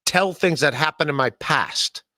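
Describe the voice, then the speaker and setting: Male podcast host; bright, forceful tone, higher pitch, playful banter. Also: unhurried, no room sound, clean studio sound. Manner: joking, teasing, playful asides. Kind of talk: casual podcast chat.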